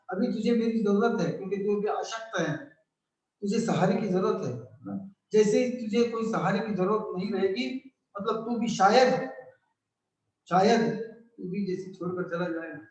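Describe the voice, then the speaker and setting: A man's voice: high voice, darkish tone. A male professor explaining a play in a lecture, asking rhetorical questions as he goes. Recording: echoey room, distant mic.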